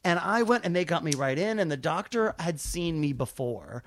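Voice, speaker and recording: Chatty American man, higher-pitched, dry close sound. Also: normal speed, dry recording. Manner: animated retelling with quoted dialogue. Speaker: stand-up comedian. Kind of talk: casual conversational storytelling.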